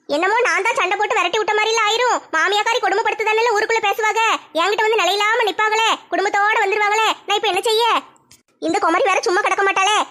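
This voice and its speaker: A woman plays a scheming village mother-in-law with a Tirunelveli Tamil accent, grumbling to herself at breakneck speed. Her voice sits very high and rings bright and sharp. She frets and plots in a comic skit. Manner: rapid shrill grumbling to herself.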